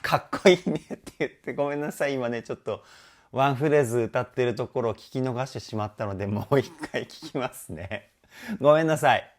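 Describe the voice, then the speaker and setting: A vocal trainer with a mid-range voice speaks briskly as he reacts to a music video and breaks down the singing. He's enthusiastic and chatty, often tacks on ね, and sings short snippets to demonstrate.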